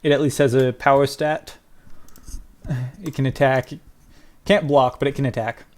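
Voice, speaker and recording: A young man giving excitable live commentary on his own card game match, muttering one moment and crying out the next. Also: mid-range voice, normal speed. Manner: excitable, swings from mutters to loud cries and laughter. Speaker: gaming video creator.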